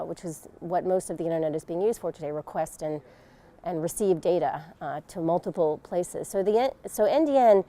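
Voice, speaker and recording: Middle-aged woman in an interview explaining tech stuff, soft dark tone, bit low, thoughtful. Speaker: interviewed technical expert. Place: outdoors in a leafy garden.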